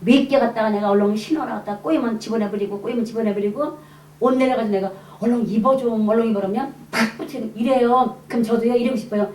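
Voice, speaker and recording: A woman evangelist giving a lively testimony sermon to a congregation, acting out the dialogue in her story. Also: fairly high pitch, fast. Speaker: evangelist preacher. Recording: echoey hall, mic at a distance.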